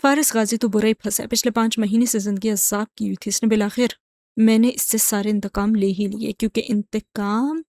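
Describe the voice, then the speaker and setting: A woman's voice: medium pitch, steady tone, warm tone, no echo, clean studio sound, lightly acted. A woman reading the lines of a scheming young man gloating over his revenge. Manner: gloating, self-satisfied.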